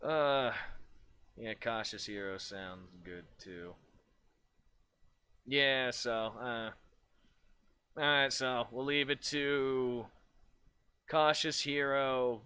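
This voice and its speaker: Man, livestream chat, slow pace, bright tense voice, laughs a lot, swears, rambling. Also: mid-range voice, clean tone. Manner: laughs often, swears freely, rambling with restarts. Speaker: virtual streamer.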